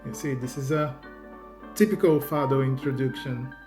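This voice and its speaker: With music in the background, a Brazilian man hosts a casual YouTube reaction video, talking to viewers in Brazilian-accented English; his first language is Portuguese. His voice is medium-pitched with fairly even intonation at a moderate pace. He often starts phrases over and fills in with "you know."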